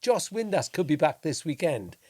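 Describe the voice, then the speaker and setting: A man hosting a football podcast, measured and pausing with filler sounds as he weighs his view. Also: a little high, very animated, warm tone, no echo. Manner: measured, thinks aloud with many "uh"s. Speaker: podcast host, commentator. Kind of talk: casual football chat.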